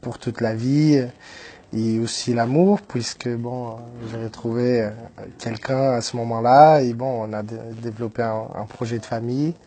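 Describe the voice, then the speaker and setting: In a radio interview, a hesitant entrepreneur from Brazil, now in his 30s, narrates his life story in French rather than his native Portuguese. His voice is mellow and medium-pitched with a breathy edge, keeping a steady tone at normal speed amid many fillers and restarts.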